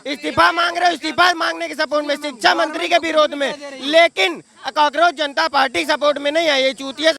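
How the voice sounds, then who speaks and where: Man protester, emphatic, bright and gravelly voice, outdoors. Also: very high-pitched, fairly even intonation, brisk, few pauses. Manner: emphatic, repeating denials. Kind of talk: heated street argument.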